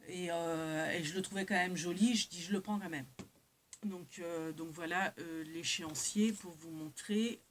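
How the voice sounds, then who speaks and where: A woman with a lowish, fairly even, slightly slow voice chats casually with her viewers in a craft vlog haul, showing off items. She's hesitant and rambling, often correcting herself. The recording is clear but has background hiss.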